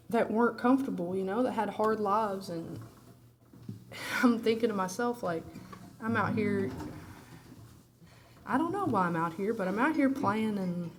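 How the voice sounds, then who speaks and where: A woman's voice: medium pitch, a little hiss or hum. A woman singer-songwriter with a groggy voice from allergies, chatting candidly and rambling between songs at an intimate live session. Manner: rambling and candid, full of "you know" and "like". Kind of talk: casual chat between songs.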